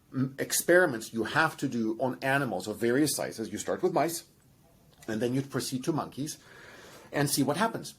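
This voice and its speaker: Giving explanatory interview answers, this man, a genetics professor of Russian descent with a Russian accent, speaks in long, eager stretches, full of fillers and restarts. His voice is medium-pitched with a breathy edge.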